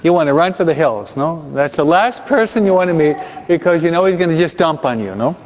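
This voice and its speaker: Male preacher, slightly high voice, conversational sermon, frequent check-ins with listeners, muffled sound, long reverb. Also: animated, brisk, darkish tone, slight background noise. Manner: drops Spanish words into his English.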